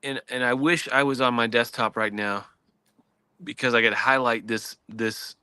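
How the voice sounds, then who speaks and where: A man's voice: mid-range voice, steady tone, moderate pace, pushed and bright, clean tone. A man hosting a casual industry panel discussion, hiccuping now and then.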